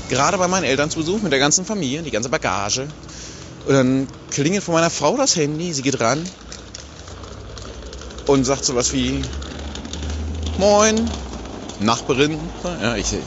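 A man's voice: medium pitch, animated, a little fast. A man telling a casual anecdote in a recorded segment, playing out the other voices in his story. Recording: dull lo-fi recording with faint vehicle noise.

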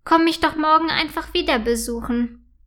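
Woman doing a gentle little girl. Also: sits high, moderate pace, pitched above the performer's own voice. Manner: gentle, friendly. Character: kind, gentle second-grade girl.

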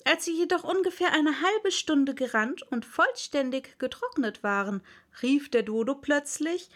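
A woman narrating a children's storybook in a calm, clearly articulated reading. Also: sits high, measured pace. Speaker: audiobook reader.

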